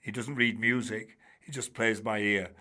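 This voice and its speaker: With a voice on the low side and fairly even intonation, an older Bradford man speaks at normal speed as an interview guest. A charity trustee and former teacher, he shares stories in a chatty, warm-humoured way, restarting often and sprinkling in asides and "you know"s.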